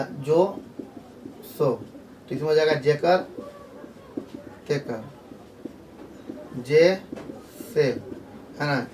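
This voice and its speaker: This is a loose, repetitive grammar lesson from a Jharkhand teacher, packed with fillers and restarts. He speaks on the high side, a little mellow, with a bit of hiss or hum. The mic is distant, and faint outdoor sound comes through.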